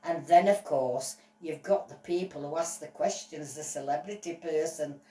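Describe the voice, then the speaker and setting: A woman voicing an excitable male dog on trial, gushing and apologetic in a playful toy-play story. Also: low-pitched, moderate pace, recorded from a distance, pitched below the performer's own voice, close to an everyday voice. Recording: roomy echo, voice off-mic.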